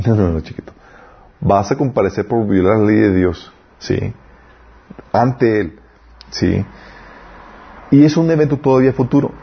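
A man's voice: fairly low pitch, unhurried, vocal fry, pauses often, slightly rough, dull audio. A man teaching an informal Bible class in a conversational way, often checking with the class for agreement. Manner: conversational, asks the class for confirmation.

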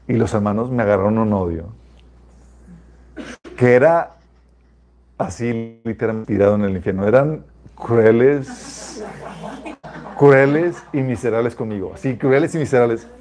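A man's voice: mid-range voice, a little slow, pauses often. Chatty man preaching a testimony. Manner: conversational, addresses listeners as "chicos", animated with laughs. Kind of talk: informal sermon with personal testimony.

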